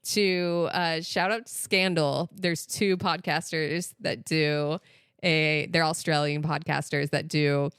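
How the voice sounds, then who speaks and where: An American woman co-hosting a podcast, talking in a chatty, animated way full of "like" and "literally". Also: deep voice, takes it slowly, clear, resonant tone, no room sound, studio quality. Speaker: podcast co-host. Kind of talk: casual chat.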